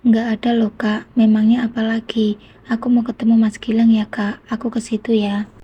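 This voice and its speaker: A woman reading the lines of a whiny young woman who pleads and stammers, in a husky, even voice. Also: fairly high pitch, moderate pace, muffled recording. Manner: whining, stammering.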